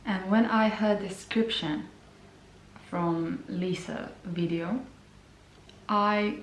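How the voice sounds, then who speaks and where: A woman reviewing lip products in a slow, hesitant way, often repeating her words. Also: fairly low pitch, slight background noise. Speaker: beauty vlogger. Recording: roomy sound from a distance.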